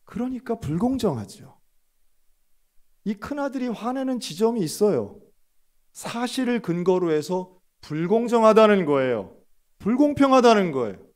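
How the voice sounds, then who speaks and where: A male pastor preaching a sermon, telling a story with lively delivery and loud bursts when he acts out quoted lines. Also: sits high, normal speed.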